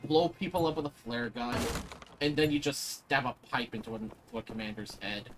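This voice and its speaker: A man's voice: fairly high pitch, big pitch swings, a little fast, soft background music. A man giving casual, opinionated commentary while gaming, speaking emphatically and swearing freely. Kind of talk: casual chat over gameplay.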